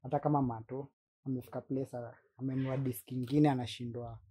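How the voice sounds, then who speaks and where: This content creator and machine seller, a Kenyan-accented man, chats casually and demonstrates products in slangy speech that switches between languages. He speaks fast and steadily in a medium-pitched voice that is dark and husky.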